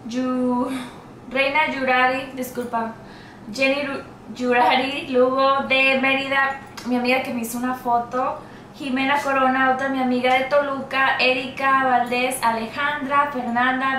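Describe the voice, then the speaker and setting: High, bright woman vlogger, echoey room. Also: flat delivery, measured pace, a little hiss or hum. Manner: reads out a long list of viewer names, tripping over some. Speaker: beauty vlogger. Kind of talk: casual shout-outs to viewers.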